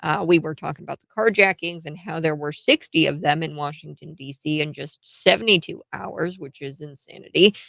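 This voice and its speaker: A woman's voice: deep voice, brisk, gravelly, few pauses, fairly bright tone, no echo, poor audio. A woman hosting a live radio talk show, giving opinionated commentary with exclamations and rhetorical questions. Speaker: radio morning show host.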